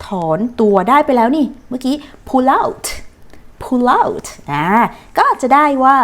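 A woman teaching an English lesson in Thai, counting her students in and drawing out English sentences slowly for them to repeat. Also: on the high side. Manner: stretches out English phrases slowly for practice.

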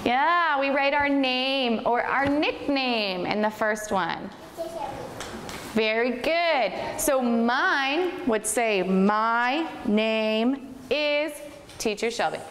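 A woman in her twenties from the United States teaches English to young children in front of a classroom whiteboard, patient, encouraging and quick to praise. Her voice is a little high and a bit bright, with lively intonation and an extremely slow pace. A distant camera mic captures an echoey room with long reverb and noise.

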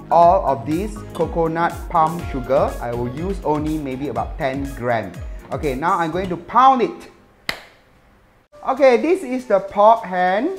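This middle-aged host of a casual cooking show is chatty and excitable, switching between English and Mandarin. His pitch is fairly high, and a lapel mic catches him at a market and in his home kitchen.

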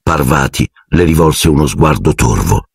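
A man narrating an audiobook in an expressive, measured storytelling manner. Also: extremely low pitch, husky, dry recording, clean studio sound. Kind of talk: scripted narration.

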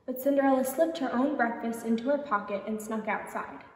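A woman reading a children's picture book aloud at a library storytime, gently asking the children questions. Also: on the high side, a little fast, a little hiss or hum. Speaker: storytime reader. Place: library event room. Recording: echoey hall, distant mic.

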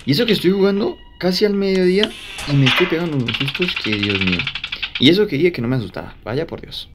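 Excitable gamer with lively pitch. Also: male voice, fast, heavy background noise. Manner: excitable, jokey, swears at the game, talks to viewers. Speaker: gaming channel host. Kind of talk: let's play gaming commentary. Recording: music playing under the voice.

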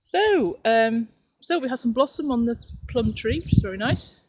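A middle-aged woman giving a relaxed, cheerful walk-through tour of her back garden and chickens, filmed outdoors on a handheld camera. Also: on the high side, moderate pace, slightly rough. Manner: chatty, relaxed, cheerful narration while walking. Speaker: home video maker. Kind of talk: casual home video tour. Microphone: handheld camera mic. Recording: dull lo-fi camera audio with noise.

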